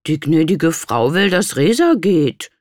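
A narrator voicing a young maid who speaks up in a high, hushed and defensive way. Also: big pitch swings, unhurried, dry recording, studio quality. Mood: indignant. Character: timid young maid, indignant.

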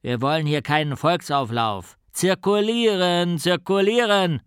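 A man reading a storybook and voicing a big, gruff policeman on night patrol who barks orders in a pompous way. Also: medium pitch, moderate pace, a bit bright, dry recording, studio quality, natural voice. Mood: barking. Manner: barking, bossy, pompous.

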